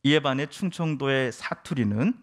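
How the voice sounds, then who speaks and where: A middle-aged man preaching a Sunday sermon, who reads scripture slowly and then tells stories, putting on voices for the people in them. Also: mid-range voice. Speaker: pastor.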